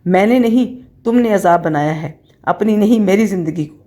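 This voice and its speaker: A woman's voice: dark tone, natural voice. A woman doing a bitter, furious wife. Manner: shrill, accusing.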